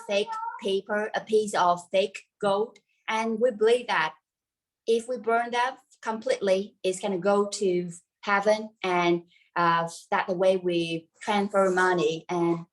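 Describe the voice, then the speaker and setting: The recording is rough as a woman from central Vietnam, a native Vietnamese speaker, gives casual live cooking instruction in a medium-pitched voice. She talks with a central Vietnamese accent in basic non-native English, leaving out words here and there.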